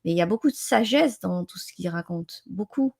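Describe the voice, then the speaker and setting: A woman hosting a casual open-line radio show, speaking haltingly and repeating words as she searches for them. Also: lowish voice, lively intonation, vocal fry, a little mellow, slightly rough. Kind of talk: casual live chat.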